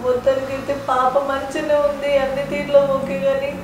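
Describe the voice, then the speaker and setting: Actress as a worried pregnant young wife, flat subdued voice, echoey room, set back from mic. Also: female voice, high voice, a little fast, far from the mic, background noise, close to an everyday voice. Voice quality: subdued, fearful. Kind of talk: short film acting.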